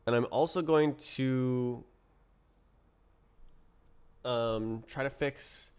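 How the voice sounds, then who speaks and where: A man's voice: mid-range voice, extremely slow, darkish tone, clean tone. A man with a sick-sounding voice thinking aloud as he writes code on a stream, muttering half-finished thoughts to himself. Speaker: programmer streaming his coding. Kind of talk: thinking aloud while live coding.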